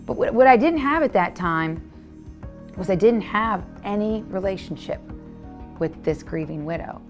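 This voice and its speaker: A woman's voice: medium pitch, expressive, moderate pace, faint music behind. A woman news reporter telling her story in a documentary interview, earnest and repeating words when stressing a point.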